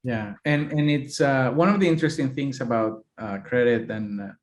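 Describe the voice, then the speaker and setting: Halting man from Honduras hosting. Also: mid-range voice, slight background noise. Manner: hesitant, many fillers. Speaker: podcast host. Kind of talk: casual interview chat.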